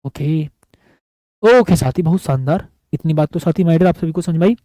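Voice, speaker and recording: A man's voice: on the high side, moderate pace, mellow, dry recording, rough recording. A man teaching physics at a board in an affectionate, repetitive way, often calling his students buddy. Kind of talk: board lecture.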